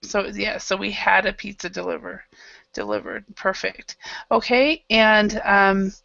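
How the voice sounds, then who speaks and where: A woman's voice: medium pitch, fairly even intonation, unhurried, creaky, a bit bright, no echo, highs cut off. A woman from Idaho teaching an online English class, patient and encouraging, with many fillers. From Idaho, United States.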